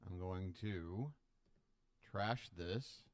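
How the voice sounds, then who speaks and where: This streamer talks extremely slowly in his booming voice, a faint wet lisp showing as he rambles, swears offhandedly, and runs himself down while reacting to content. He's hosting live through a desk mic, and the recording is clean and studio-like, free of echo.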